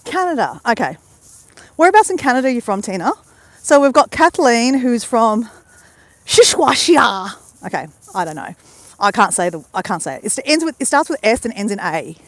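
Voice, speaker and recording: A woman's voice: on the high side, sing-song, moderate pace, no echo. Bubbly Australian woman chatting on a beach. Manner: bubbly, rambling, talks to viewers. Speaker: vlogger on a live stream. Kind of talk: chatty live stream. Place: outdoors on a beach at sunrise. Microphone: handheld phone camera.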